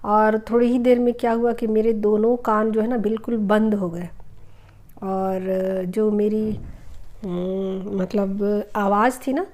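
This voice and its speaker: A middle-aged woman hosting a spiritual healing channel, telling viewers a personal story in a chatty way, repeating herself and filling pauses with hesitations. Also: medium pitch, steady tone, a little mellow. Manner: chatty, repeats phrases, many hesitation fillers.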